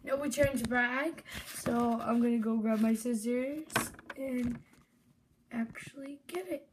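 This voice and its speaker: A young woman with a high voice chats casually as she unboxes toys for her channel. She is excitable and gushing, circling back to the same phrases, on a noisy home recording with clear background hiss and clicks. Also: measured pace. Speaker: host of a toy unboxing channel. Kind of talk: casual toy unboxing chat. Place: indoors, close over a tabletop toy set.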